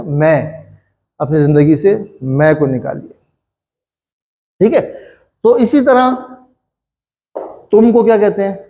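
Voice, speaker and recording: A man's voice: high voice, warm tone, highs cut off. A middle-aged man from Pakistan with an Urdu-speaking Pakistani accent, teaching a chatty, repetitive Japanese grammar lesson and checking in with the class often. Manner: chatty, repetitive, with many "thik hai" checks.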